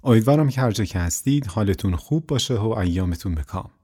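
A man with a low, husky voice reads a folk tale for a podcast. His delivery is calm and measured, a storyteller's pace. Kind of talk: scripted storybook narration.

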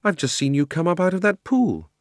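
A man voicing a dreamy but sharp-tongued young girl in a storybook reading. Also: sits high, big pitch swings, no echo, clean studio sound, voice pushed up. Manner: quick, insistent, corrects the boy.

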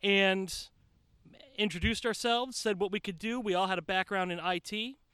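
A man's voice: high-pitched, moderate pace, sharp tone, clean tone, no echo. An American man telling anecdotes informally as a podcast guest, joking and repeating words for emphasis, recorded outdoors. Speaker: podcast guest, wrestler and manager. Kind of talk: casual anecdotal storytelling. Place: outdoors in a shaded backyard.

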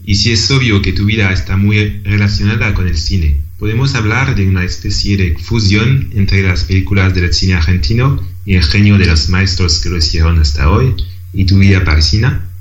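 A man interviewing, asking a question in measured, formal phrasing. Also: low-pitched. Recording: roomy, dull-sounding recording.

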